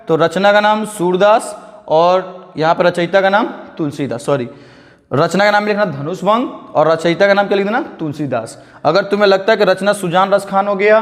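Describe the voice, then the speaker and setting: A man's voice: high voice, normal speed, big-room sound. A young man teaching an exam prep lesson in a casual, coaxing way, asking questions and answering them himself, with English words mixed in. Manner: coaxing, asks and answers his own questions; mixes English words into speech.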